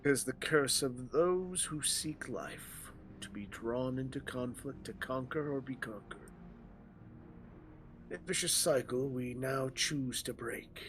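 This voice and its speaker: A man's voice: mid-range voice, slow pace, a bit bright, a little hiss or hum. A man reading a weary ancient dragon. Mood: solemn. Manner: archaic solemn delivery with stumbles from reading on the fly. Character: weary ancient male dragon, grave and mournful.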